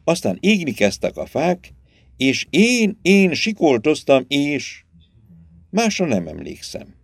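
A man's voice: on the high side, wildly swooping pitch, no room sound, clean studio sound, pitched above the performer's own voice, full character voice. A man reading aloud and voicing a frightened young woman who has lost her memory, speaking hesitantly. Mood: fearful, bewildered. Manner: hesitant, fearful, halting.

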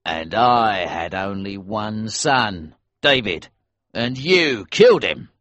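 A man's voice: low-pitched, very animated, takes it slowly, pushed and bright, no room sound, exaggerated voice. A man voicing a grieving, vengeful smuggler father in a storybook, cold and menacing in his delivery. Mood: cold vengeance. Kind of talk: audiobook character acting.

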